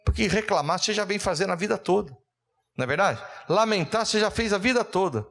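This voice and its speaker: A man preaches with fervour, his voice sitting a little high for a man. He reads scripture aloud, pushes into loud, urgent calls, then pulls back to plead with his listeners. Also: expressive, fast talker, creaky. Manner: fervent preaching, rising to loud exclamations and Bible readings. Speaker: pastor. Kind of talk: sermon.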